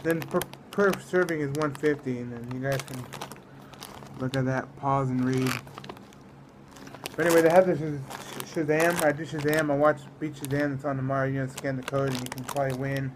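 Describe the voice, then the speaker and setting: A man's voice: mid-range voice, steady tone, normal speed, noisy background. A man from the United States giving a casual, rambling food review, often trailing off mid-thought. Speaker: snack reviewer.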